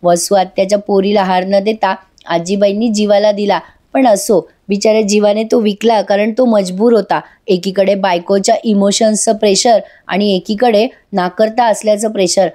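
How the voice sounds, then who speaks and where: A woman narrates a voice-over review of a TV serial episode and speaks straight to her viewers. She is chatty and sympathetic, with a medium-pitched voice. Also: fairly even intonation, moderate pace, few pauses, mellow.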